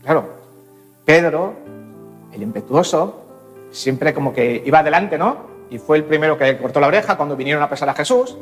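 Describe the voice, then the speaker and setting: A male pastor preaching a sermon in a church, animated and acting out scenes with shifts in voice. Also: on the high side, moderate pace, soft background music.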